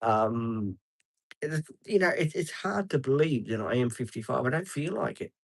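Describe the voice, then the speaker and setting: A man's voice: medium pitch, expressive, moderate pace, vocal fry, dry recording. A man, live streaming outdoors beside traffic and chatting casually with viewers, rambling with many ums and answering people by name. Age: 50s.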